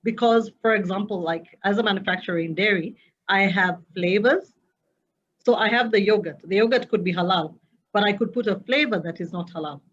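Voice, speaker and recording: Soft-spoken woman with a heavy voice. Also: mid-range voice, a little fast. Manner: soft-spoken, explanatory, with hesitant fillers. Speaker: panelist, dairy manufacturer. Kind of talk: panel discussion remarks. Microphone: video call. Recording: dull lo-fi video call audio.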